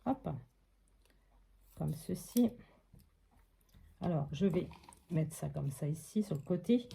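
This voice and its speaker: A woman's voice: low voice, lively intonation, slow, vocal fry, a little hiss or hum. A woman from France talking through a scrapbooking project step by step, with frequent fillers and little "hop" sounds as she works. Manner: narrates each step with many fillers and soft "hop". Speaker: crafting vlogger. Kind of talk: casual crafting commentary.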